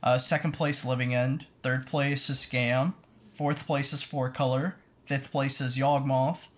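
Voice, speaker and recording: A podcast co-host chatting casually, reading out results in a relaxed way. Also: mid-range voice, a little slow. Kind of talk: casual chat.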